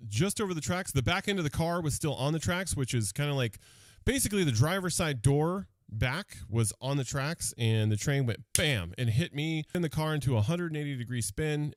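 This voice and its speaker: A man telling a personal story on radio in a rambling, animated way, with many restarts. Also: medium pitch, no echo.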